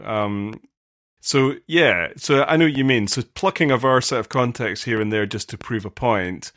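Man, earnest, explains at length, mid-pitched voice, lots of ums and restarts. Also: fairly bright tone. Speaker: podcast co-host, vicar. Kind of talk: casual discussion.

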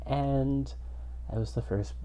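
Male podcast host, mid pitch, earnest and candid, casual delivery, recorded on headphones used as a mic with faint noise. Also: slow pace, warm tone. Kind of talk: casual personal podcast introduction. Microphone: headphones used as microphone. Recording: noisy, low-quality headphone mic.

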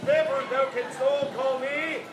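High-pitched, blustering renaissance fair Highlander. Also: male voice, fairly even intonation. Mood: boastful. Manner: theatrical, declamatory, dramatic pauses. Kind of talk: mock-archaic renaissance fair speech, shouted stage show. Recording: distant, noisy outdoor fair crowd, echoey.

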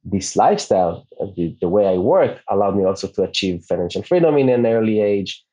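This Israeli man, a digital nomad in his late thirties whose first language is Hebrew, is a guest on a podcast, talking in an easygoing way with frequent restarts and soft laughs. His voice sits on the low side and runs a little fast, recorded muffled with faint music in the background.

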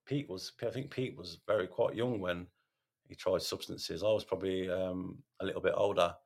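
Deep-voiced man, halting and candid. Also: steady tone, gravelly, a little mellow. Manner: halting, self-correcting, frequent ums and repeated words. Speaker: podcast host, sharing his recovery story. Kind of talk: candid interview conversation.

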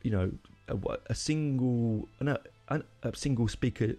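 An unhurried, warm-toned mid-range voice belongs to a middle-aged podcast host speaking by himself, faint music in the background. His casual monologue drifts and is full of opinions, and he keeps correcting himself partway through sentences.

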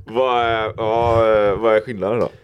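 A man's voice: on the low side, level tone, clear, resonant tone, dull audio. A man hosting a podcast, telling stories and musing in a rambling, reflective way. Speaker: podcast host. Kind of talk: casual podcast conversation.

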